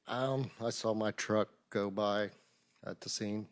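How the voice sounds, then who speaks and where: A man's voice: fairly low pitch, fairly even intonation, takes it slowly. A man testifying as a witness in a courtroom, giving brief, plain answers in a hesitant way. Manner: hesitant, terse, plain-spoken.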